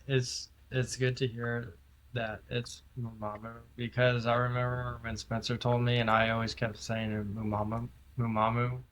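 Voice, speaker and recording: A man co-hosting a podcast, giving an easygoing, soft-spoken song review. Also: medium pitch, little pitch movement, normal speed, slight background noise, low-quality recording. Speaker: podcast co-host. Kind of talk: casual chat reviewing songs.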